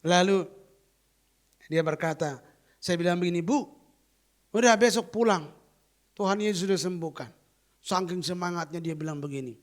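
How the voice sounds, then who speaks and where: A male pastor with a notably high voice delivers a sermon. He tells a testimony in an emphatic way, stressing and repeating key phrases as he goes. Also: normal speed, long pauses. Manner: acts out quoted voices in lively retelling.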